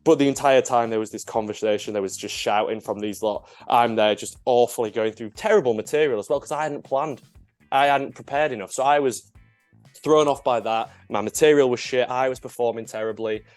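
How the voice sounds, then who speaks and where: A young man, a comedian, tells a story in a loose, casual way at a middle pitch. He is animated, breaks into laughter often and swears freely. His voice is close and dry, with faint music behind. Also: fairly quick, no room sound. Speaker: comedian guest.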